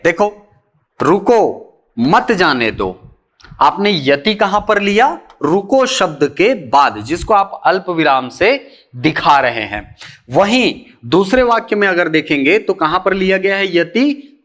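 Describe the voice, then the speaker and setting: A man giving an exam-prep lecture who keeps asking rhetorical questions and answering them himself, slowly stretching the key terms. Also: high-pitched, a bit bright. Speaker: teacher.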